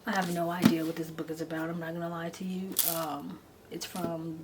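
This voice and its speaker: A woman's voice: lowish voice, little pitch movement, fairly quick. A woman giving a chatty, gushing book review in an informal, enthusiastic way, stressing words by repeating them. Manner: informal, enthusiastic, emphatic repetition. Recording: noticeable background noise.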